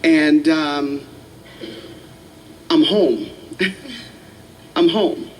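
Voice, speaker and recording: Slow-talking woman pastor in a chapel. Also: low voice, distant mic, slight background noise, low-quality recording. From Michigan, USA. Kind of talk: panel discussion in chapel. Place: university chapel.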